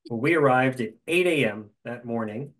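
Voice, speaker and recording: Middle-aged man telling a lively anecdote. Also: mid-range voice, normal speed, rough recording. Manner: lively storyteller with dry humor. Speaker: guest.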